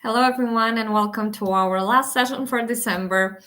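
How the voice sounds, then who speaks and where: A woman hosting a live webinar over a video call, speaking formally and unhurriedly with frequent filler pauses. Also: fairly high pitch, bright, forceful tone. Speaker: webinar host.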